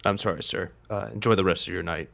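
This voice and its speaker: A man's voice: low voice, fairly even intonation, quick pace, vocal fry, a bit bright. A man voicing an adventurer who poses as a guard, apologetic and hesitant. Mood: deferential. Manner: apologetic, deferential, hesitant fillers. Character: male adventurer posing as a deferential guard.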